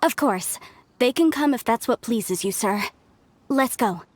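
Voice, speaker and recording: A woman's voice: a little high, expressive, a little slow, a little mellow, a little hiss or hum. An actress playing a polite, cautious young woman in a game, speaking hesitantly and deferentially. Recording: game cutscene with music underneath.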